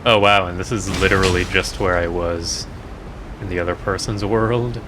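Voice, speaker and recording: A man's voice: deep voice, steady tone, moderate pace, background noise. A man streaming a game, chatting playfully and joking to himself as he plays. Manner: playful, jokey, talking to himself. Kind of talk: casual gameplay commentary.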